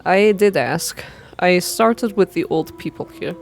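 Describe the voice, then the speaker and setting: A young adult reads a visual novel aloud in soft ASMR style, close to the mic, dropping informal asides between passages. The voice is medium-pitched and measured, and the background noise is clear.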